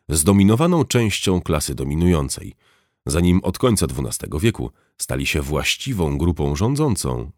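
Deep-voiced man narrating with lively intonation. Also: no echo, clean studio sound. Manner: measured reading, slows to spell out foreign terms. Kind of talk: scripted nonfiction narration.

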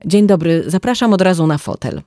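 A woman voicing a busy young mother who briskly rushes her boys along, a little higher and louder than her narration. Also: sing-song, dry recording, studio quality. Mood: friendly. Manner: brisk, commanding. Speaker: hairdresser.

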